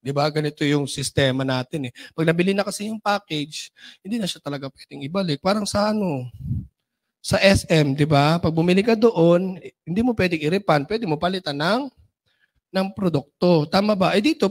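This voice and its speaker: A man giving a motivational seminar talk as a business trainer, animated and often asking the audience for agreement. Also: high voice, brisk.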